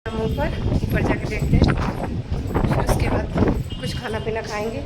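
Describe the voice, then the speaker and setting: A woman vlogging casually at home and on a rooftop, talking quietly into a phone camera so she won't wake anyone. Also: fairly even intonation, normal speed, heavy background noise. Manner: hushed, low-volume talk so as not to wake a sleeper. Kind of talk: casual vlog chat while walking around home.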